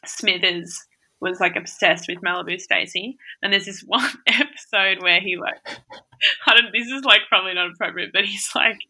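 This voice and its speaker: A woman's voice: medium pitch, moderate pace, bright, forceful tone. A young woman in casual chat, rambling and laughing often, with many fillers. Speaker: conversation partner.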